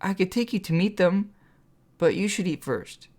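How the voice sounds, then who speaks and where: A man voicing an odd, eager young woman who cares for a lost boy, in a soft, coaxing way, in an audiobook. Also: high voice, moderate pace, pitched above the performer's own voice.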